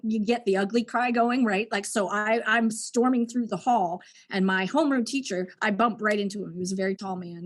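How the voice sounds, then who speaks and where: A Canadian woman telling her own story as a podcast guest, speaking frankly and reflectively. Her voice sits at a typical middle pitch. She lets an easy laugh through from time to time. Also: fairly bright tone. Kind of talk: candid personal storytelling.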